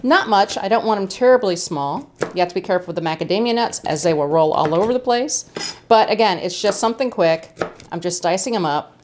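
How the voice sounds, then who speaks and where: Middle-aged woman, lowish voice, chatty cooking host with a casual, friendly home-kitchen delivery. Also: slight background noise. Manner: chatty, friendly, with fillers and asides.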